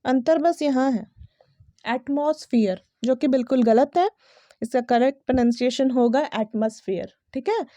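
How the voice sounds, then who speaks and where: An English pronunciation teacher with a high, mellow voice gives a casual lesson, slowly drawing out words as she spells them letter by letter. She often checks that her listeners are keeping up. The recording is close and dry, with no room echo.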